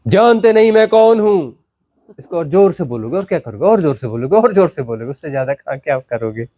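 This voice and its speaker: Speaking fast with lively intonation and a dark tone, a spiritual teacher gives a satsang in a dry, studio-quality recording. His style is repetitive, with rhetorical questions and dramatic pitch swings.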